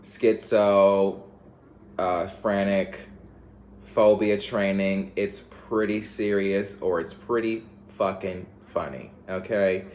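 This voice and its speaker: Male vlogger, slightly low voice, scattered slang-filled monologue, light background hiss. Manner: rambling, scattered, laughs often, lots of slang. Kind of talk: rambling casual monologue to viewers.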